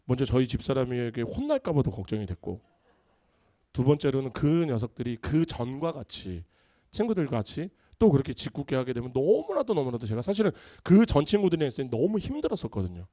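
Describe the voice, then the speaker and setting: A man's voice: medium pitch, very animated, a little fast, mellow, no echo, studio quality. A pastor preaching a Sunday sermon, telling stories and acting out his friends' voices.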